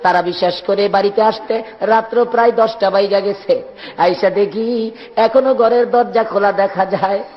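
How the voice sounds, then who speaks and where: A man's voice: high-pitched, steady tone, moderate pace, a little hiss or hum. A man with a leading an emotional prayer sermon, tearful and pleading, chanting some lines. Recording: lo-fi, echoey hall.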